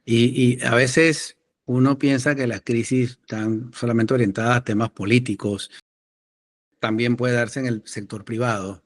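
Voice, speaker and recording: A man's voice: mid-range voice, steady tone. A man with a mid-range voice hosting an interview podcast. He backs up his guest with short agreements, then sets out long questions. He stumbles and repeats words as he gets started. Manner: affirming, with halting stutters when starting a question. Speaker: podcast host. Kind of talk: interview host.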